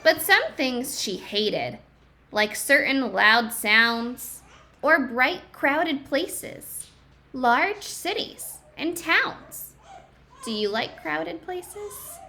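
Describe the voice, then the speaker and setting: A woman reads a picture book aloud to children with expressive, emphatic delivery, stopping to explain things and ask questions. Her voice sits high.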